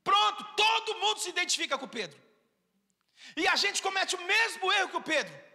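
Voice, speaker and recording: A man's voice: extremely high pitch, very animated, brisk, vocal fry, bright, forceful tone. A male pastor preaching a sermon, calling out questions to the congregation and to viewers at home. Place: church hall. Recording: church hall reverb.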